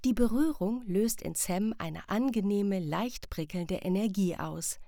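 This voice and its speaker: A woman narrating a children's audiobook in a calm, warm, evenly paced storytelling manner. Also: medium pitch, unhurried, no echo, studio quality.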